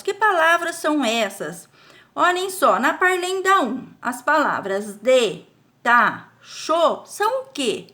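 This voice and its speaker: A Brazilian woman teaching a recorded spelling lesson to children. She explains slowly, stretches out syllables and keeps asking the class check questions. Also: sits high, bright, forceful tone. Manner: speaks of herself in the third person as "a Pro". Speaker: primary school teacher.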